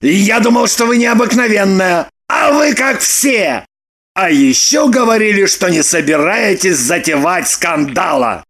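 A woman voicing a hot-tempered, sarcastic grown man in an audiobook, prone to shouting outbursts. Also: lowish voice, sing-song, unhurried, husky, exaggerated voice. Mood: indignant. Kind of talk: audiobook character reading.

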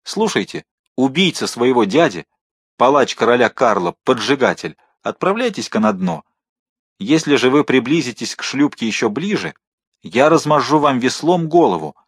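A man acting out a fiery young musketeer in a storybook reading, biting and scornful, with his threats pushed out loud. A dry, close-miked sound. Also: mid-range voice, big pitch swings, normal speed, breathy edge, no echo. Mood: threatening. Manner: scornful, forceful. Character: hot-tempered young male musketeer.

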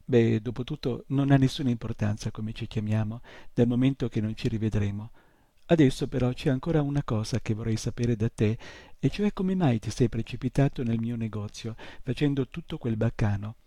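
A man doing a gruff, grumbling old bookseller. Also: mid-range voice, a little fast, dark tone, no room sound, close to an everyday voice. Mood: suspicious. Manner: grumbling, sarcastic.

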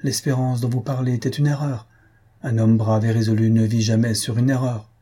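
A man's voice: medium pitch, flat delivery, brisk, warm tone, husky, natural voice. A man reading the lines of a proud, guarded noblewoman in a cool, composed way.

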